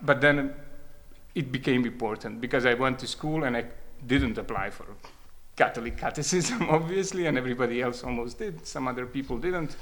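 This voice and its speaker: Speaking at a brisk pace in a medium-pitched, slightly bright voice, this man from Croatia, in his 30s, reflects on what he has lived through. He frequently pauses and repeats words while gathering his thoughts, in the manner of personal testimony.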